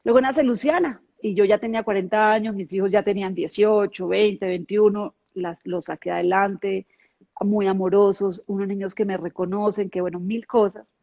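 A woman's voice: medium pitch, steady tone, normal speed, darkish tone, no echo, highs cut off. A middle-aged woman, a guest, telling her own life story with emotion and lots of repetition. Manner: emotional, earnest, with many repeated words. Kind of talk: personal testimony in a podcast conversation.

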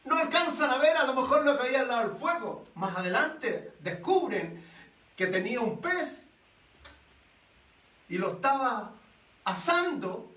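High, bright-voiced preacher in an echoey hall. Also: male voice, a little slow, long pauses. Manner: animated storytelling with rhetorical questions. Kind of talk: sermon. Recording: echoey room, voice from a distance.

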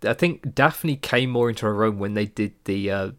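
Male podcast co-host, low voice, relaxed rambling chat with frequent laughs. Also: normal speed. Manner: rambling, laughs often, trails off. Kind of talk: casual chat about cartoons.

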